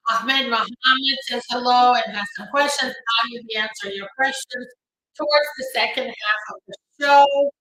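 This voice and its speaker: An immigration lawyer from Ukraine greets viewers by name during a live stream, talking at normal speed in a fairly high, bright, forceful voice. Her manner is upbeat and full of fillers, and the phone recording comes from an echoey home or office room in New York.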